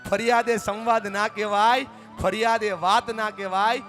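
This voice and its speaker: A man with a high-pitched voice delivers a rousing motivational talk on a stage microphone in a big hall. He pushes the crowd to chant back and often raises his voice to a shout. Faint music sits underneath. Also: little pitch movement, normal speed. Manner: loud and exhorting, leading the crowd in chants, sometimes shouting. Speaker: motivational speaker at a family gathering. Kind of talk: energetic public speech with audience call-and-response.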